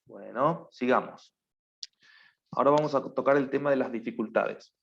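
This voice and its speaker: A male teacher talks his students through a lesson at an even, unhurried pace. His voice sits at a middle pitch. He keeps checking that everyone is following. The recording is muffled and lo-fi. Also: gravelly, a little hiss or hum. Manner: explains patiently, often checks with a questioning "right?". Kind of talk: online class lecture.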